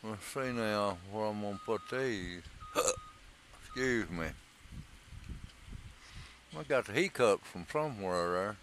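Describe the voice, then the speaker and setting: A man's voice: lowish voice, normal speed, few pauses, a bit bright, slight background noise. A man, rambling in casual commentary while he plays a farming game, folksy and drawling. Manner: drawling, rambling, folksy talk to himself and viewers. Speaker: gaming streamer.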